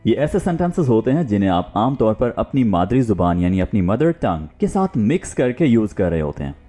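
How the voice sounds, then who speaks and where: A man's voice: on the low side, sing-song, brisk, mellow, faint music behind. A man teaching an online language lesson. He repeats example words so the listener can copy them, stressing each one with exaggerated intonation. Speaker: English teacher.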